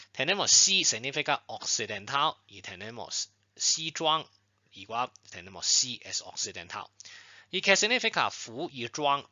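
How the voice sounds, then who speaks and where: Bright-voiced man teaching in Spanish. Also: mid-range voice, no room sound, highs cut off. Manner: explains slowly with repetitions and frequent "bueno" and "ten cuidado". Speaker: Chinese language teacher. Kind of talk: online language lesson.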